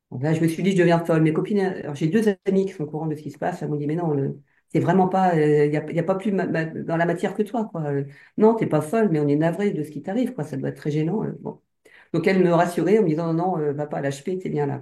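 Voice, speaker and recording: A woman's voice: sits low, warm tone. A woman telling her own experience casually as a hypnosis client, hesitant, with many fillers and restarts. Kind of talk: casual personal account. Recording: roomy echo.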